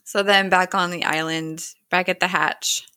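A woman's voice: lowish voice, fairly even intonation, a little slow, bright, forceful tone, dry recording, clean studio sound. A woman casually recapping a TV episode, storytelling with giggles and hummed cues.

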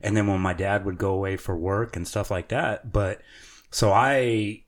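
An easygoing man co-hosting a podcast chat. His voice sits on the low side, and he rambles comfortably through his stories with casual fillers and a ready chuckle. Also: steady tone, normal speed.

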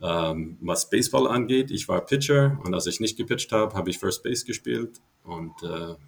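An older American man from Ohio, a native English speaker and baseball veteran, is a guest on a podcast in a casual interview. His fairly low, creaky voice moves at normal speed, and he talks hesitantly with many fillers.

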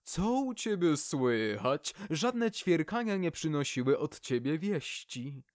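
A man's voice: sing-song, dry recording, studio quality. A man doing a dreamy wandering poplar tree. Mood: wistful. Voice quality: high, wistful, slow. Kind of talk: storybook character voice.

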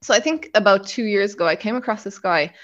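A woman's voice: mid-range voice, fast talker, a bit bright, highs cut off. A woman in her late twenties with a Kerry accent from the south-west of Ireland, chatting casually as a podcast guest. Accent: Kerry, south-west Irish. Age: late 20s. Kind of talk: casual conversational interview.

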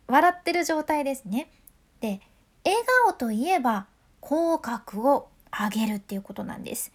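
A voice coach with a Fukuoka dialect accent gives a friendly, playful voice lesson, chatting away and acting out example voices. Her pitch is high and her tone somewhat dark.

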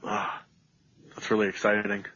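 Husky, enthusiastic man chatting on a podcast. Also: on the low side, completely flat delivery, normal speed, sharp tone. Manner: enthusiastic, slangy. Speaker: podcast co-host. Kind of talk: casual chat. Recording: slightly dull, lo-fi sound.

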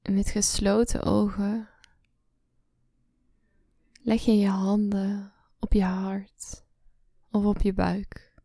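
A woman guiding a relaxation meditation, speaking slowly and softly, often in a whisper, close to the mic. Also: medium pitch, level tone, vocal fry, no room sound. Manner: slow soft-spoken, often whispering. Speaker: meditation guide.

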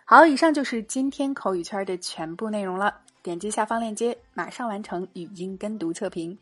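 A woman hosting a spoken English lesson, explaining phrases and modelling slow, careful pronunciation. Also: medium pitch, fairly bright tone, slightly rough, faint music behind. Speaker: English teacher.

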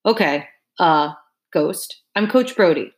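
A woman's voice: fairly low pitch, animated, takes it slowly. A woman voicing a brash, pushy male track coach in an audiobook, firing off persuasive questions. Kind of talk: audiobook character voice.

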